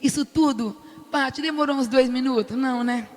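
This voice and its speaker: An older woman with a Brazilian accent giving an animated testimony at a prayer meeting, acting out the lines she quotes. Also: high-pitched, moderate pace, in a large hall. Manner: animated storyteller who loudly acts out the quoted lines. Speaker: prayer group speaker. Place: large cathedral.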